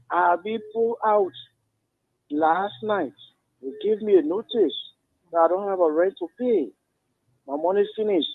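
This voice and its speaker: A man calling in to a radio talk show, heard over a clipped phone line, pleading in a halting way. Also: high voice, gravelly. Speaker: caller. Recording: narrow dry phone line.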